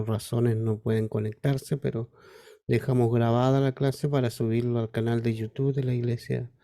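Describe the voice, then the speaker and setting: A man with a Chilean Spanish accent, a pastor teaching a Bible study class over a video call in an informal, unhurried way. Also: mid-range voice, gravelly, warm tone.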